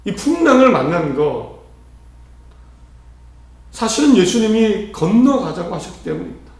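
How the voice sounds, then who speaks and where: A man's voice: sits high, sing-song, moderate pace. A male pastor delivering an earnest sermon, asking rhetorical questions and shifting his emphasis often. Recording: heavy church reverb.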